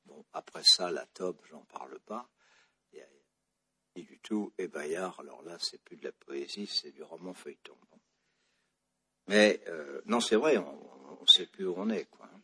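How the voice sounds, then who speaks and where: A man's voice: on the low side, a bit bright, husky. A man from France giving a classroom lecture on the psalms, digressive and full of fillers and restarts, with wry asides.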